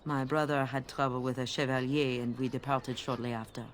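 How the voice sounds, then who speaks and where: A woman playing a courteous, wistful émigré flower seller in a video game, with a French accent and formal, gently questioning phrasing. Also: a bass voice, steady tone, fairly quick. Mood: guarded, rueful. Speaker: market merchant. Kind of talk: video game character dialogue.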